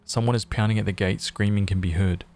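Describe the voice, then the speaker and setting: A man's voice: on the low side, fairly even intonation, fast, darkish tone, faint music behind. A man hosting a gaming video, reading game text aloud with casual slang reactions.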